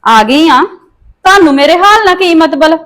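A woman plays a resentful young daughter-in-law with a Punjabi accent in a village family drama. Her voice sits high, and she snaps back in sharp, scornful retorts before sinking into low, muttered scheming. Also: animated, moderate pace. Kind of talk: amateur family drama acting.

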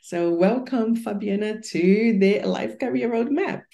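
Lady hosting an interview show, asks stuff with ums, mid pitch. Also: measured pace, vocal fry, warm tone. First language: Portuguese. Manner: friendly, asks questions with fillers. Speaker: podcast host.

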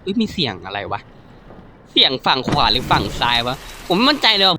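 A man's voice: medium pitch, brisk. Guy streaming a horror game, cusses a lot, gets spooked easy, slight hiss in the background. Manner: excitable, swears freely, jumpy reactions. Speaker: gaming YouTuber. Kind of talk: casual horror game commentary.

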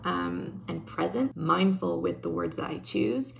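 A young Canadian woman talks casually to her webcam in her bedroom, earnest and upbeat, gesturing as she reflects on her plans. Her fairly low, creaky voice moves at a measured pace. There is background noise.

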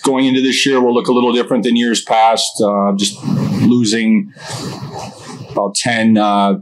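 A man head coach giving measured, appreciative remarks at a press conference. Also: mid-range voice, level tone, rough recording.

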